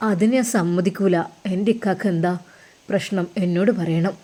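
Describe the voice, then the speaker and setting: A woman's voice: fairly low pitch, fairly even intonation, moderate pace, mellow, lightly acted. A woman voicing a devout young man who earnestly consoles his older brother. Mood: concerned. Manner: soothing, earnest, reassuring.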